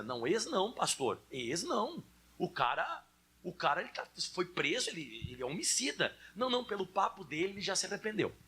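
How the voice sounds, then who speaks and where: A male preacher with a Brazilian Portuguese accent, his voice high and bright with a husky edge. He talks to the congregation in a chatty, direct sermon style, calling on them to answer back.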